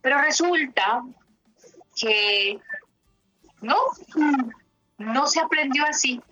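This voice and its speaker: A woman therapist recounts cases from her practice in a bright, fairly high voice. She talks reflectively, with pauses and fillers. The recording sounds dull and lo-fi. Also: soft background music. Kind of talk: telling case stories in an interview.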